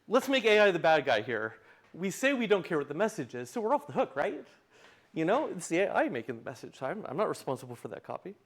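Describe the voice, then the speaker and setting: A man presenting a live demo in a tech lightning talk, with wry, self-deprecating humor. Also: fairly high pitch. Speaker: tech conference speaker, open source project founder.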